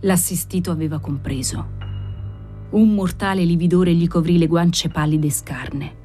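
A woman's voice: on the low side, normal speed, soft background music. Woman narrating a dramatic novel. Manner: dramatic, expressive reading. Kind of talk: audiobook narration.

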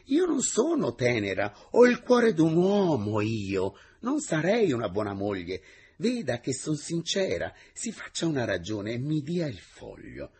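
A man voicing a proud, frank young schoolmistress who speaks in a firm, measured, sincere way. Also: medium pitch, wildly swooping pitch, darkish tone, pitched above the performer's own voice. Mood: firm refusal.

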